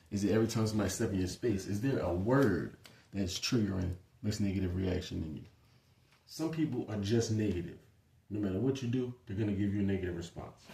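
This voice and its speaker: Man, casual lecture, mellow tone, conversational asides, echoey room, set back from the mic. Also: on the low side, creaky, a little hiss or hum. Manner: conversational and loose, with many asides and fillers. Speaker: speaker giving a short lecture. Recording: roomy echo, distant from the mic.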